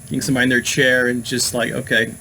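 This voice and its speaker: A man hosts a casual talk on occult topics at a middle pitch. He meanders through his points with frequent fillers and restarts. A faint background hum sits under his voice. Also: completely flat delivery, very fast, bright, forceful tone, low-quality recording. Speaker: host.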